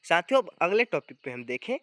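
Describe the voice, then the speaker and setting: A man's voice: sits high, sing-song, quick pace, pushed and bright, no room sound, clean studio sound. A man teaching a grammar lesson to exam students, explaining step by step and often addressing viewers as friends. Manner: explanatory, often calling viewers "friends" and adding tag words.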